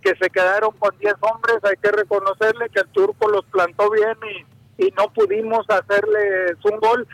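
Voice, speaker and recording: A man's voice: sits high, sing-song, moderate pace, creaky, fairly bright tone, no echo. A man calling in by phone to a sports show, chatting casually and hesitantly with fillers and restarts. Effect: heard over a phone line. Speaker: caller to a sports radio show. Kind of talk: casual call-in opinion.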